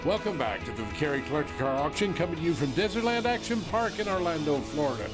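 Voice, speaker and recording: A man's voice: a little high, expressive, fast, music in the background. A man hosting an auction broadcast with presenter-style commentary. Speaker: auction show host.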